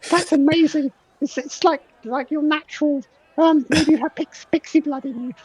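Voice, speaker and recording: A man voicing a tiny, eager male pixie greeter with an excitable, halting, welcoming manner in a tabletop fantasy game. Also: very high voice, no room sound, pitched above the performer's own voice, rough recording. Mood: delighted.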